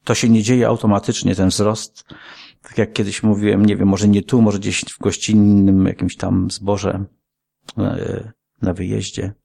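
A man's voice: on the low side, little pitch movement, measured pace, vocal fry, mellow. A male pastor preaching a sermon in a conversational style, with frequent rhetorical questions. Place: church.

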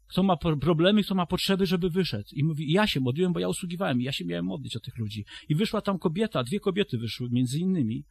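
A man's voice: a little high, lively intonation, fast talker, vocal fry, few pauses, darkish tone, slightly rough, dry recording. A man preaching a sermon to a congregation, retelling a story and then addressing his listeners directly, often restarting his phrases.

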